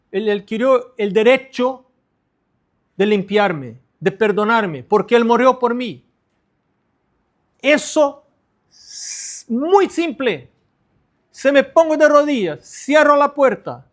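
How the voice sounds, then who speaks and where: Guy preaching to pastors, pretty high voice, takes it slow, keeps repeating short lines. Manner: earnest and repetitive, stressing short phrases. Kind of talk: sermon to pastors.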